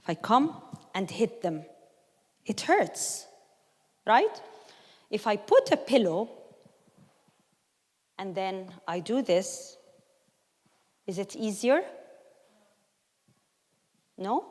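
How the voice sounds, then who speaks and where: A woman's voice: mid-range voice, very animated, very slow, long pauses, darkish tone. A woman gives a conversational teaching talk to a group, taking her time over each point. She acts out quoted voices and turns to the room with questions. Her voice carries a long reverb from a church hall. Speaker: speaker leading a workshop.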